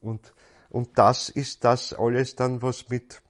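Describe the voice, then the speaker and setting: A man's voice: medium pitch, level tone, takes it slowly. A man gives a spiritual lecture in a thoughtful, searching way, often repeating words as he goes.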